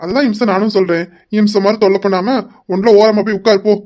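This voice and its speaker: A woman's voice: mid-range voice, steady tone, quick pace, dark tone, lightly acted. A woman voicing a busy young police husband who brushes off his wife with teasing banter, in a fan audio drama. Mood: dismissive. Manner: dismissive, bantering.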